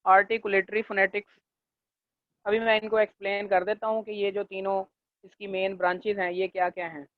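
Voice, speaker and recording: A male linguistics lecturer teaching a class, leaning on fillers and checking in often, and slowing down to dictate definitions. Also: high voice, level tone, no room sound. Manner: leans on the filler "jo hai na" and checks in with "theek hai"; slows down to dictate English definitions. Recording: tinny, dry, phone-like recording.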